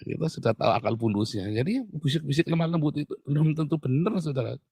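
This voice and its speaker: A man from Indonesia preaching a sermon, blunt and animated, with sudden loud outbursts. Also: on the high side, fast talker, vocal fry, slightly rough, dry recording, studio quality. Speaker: pastor.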